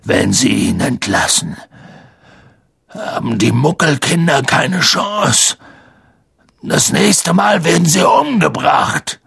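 A man's voice: on the high side, expressive, takes it slowly, creaky, long pauses, slightly rough, no echo, studio quality, pitched above the performer's own voice, full character voice. Hagrid: a man doing a blustering, hot-tempered giant. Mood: shouting. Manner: blustering, blurting shouts. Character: huge rough-spoken gamekeeper, hot-tempered and loyal.

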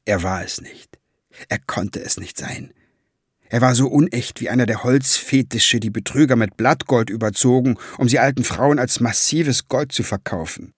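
A man reading a dark fantasy novel aloud in a measured, dramatic storytelling manner, close to the mic. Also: mid-range voice, husky, no echo. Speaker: audiobook narrator. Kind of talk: scripted fantasy narration.

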